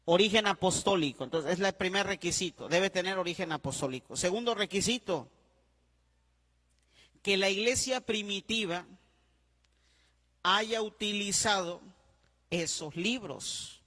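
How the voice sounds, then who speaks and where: A man's voice: sits high, a little slow, long pauses, pushed and bright, long reverb tail. A man, a priest teaching a class, who repeats his points, spells words out letter by letter and keeps checking that the class follows. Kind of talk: classroom lecture.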